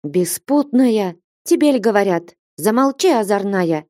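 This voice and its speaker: A woman's voice: mid-range voice, lively intonation, unhurried, darkish tone, no room sound, studio quality, close to an everyday voice. A woman voicing a stern, grumbling older nun in a storybook reading. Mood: scolding. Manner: scolding, grumbling.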